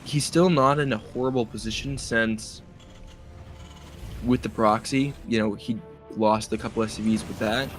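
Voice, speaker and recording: A man's voice: mid-range voice, fairly even intonation, normal speed. A man casting a live strategy game match, chatting and explaining the plays. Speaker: esports caster. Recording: faint music behind.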